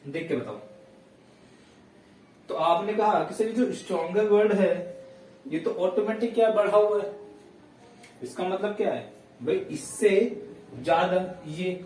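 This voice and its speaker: A male teacher giving a grammar lesson, explaining step by step, checking in with his students and dictating example sentences slowly word by word. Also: high-pitched, a little mellow, a little hiss or hum. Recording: echoey room, voice heard from a distance.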